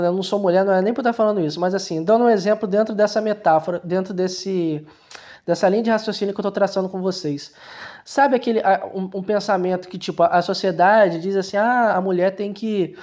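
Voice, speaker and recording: A man's voice: high-pitched, mellow, highs cut off. A man with a Brazilian Portuguese accent, giving casual book commentary and talking straight to the viewer in a colloquial way, with many restarts.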